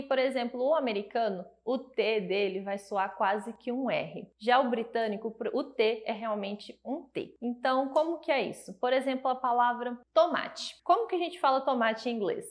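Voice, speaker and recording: A young Brazilian woman gives a relaxed English lesson, talking in a friendly, chatty way. Her voice sits a little high, and she keeps piling up everyday examples to make each point. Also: moderate pace, few pauses. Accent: Brazilian Portuguese. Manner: chatty, explains with lots of examples and filler "né". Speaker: English teacher. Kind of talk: casual online lesson.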